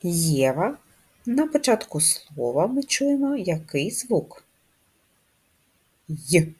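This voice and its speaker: A woman's voice: on the low side, big pitch swings, warm tone. A woman teaching a first-grade handwriting lesson, giving patient, carefully spelled-out instructions to children. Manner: slow, patient, clearly articulated instructions.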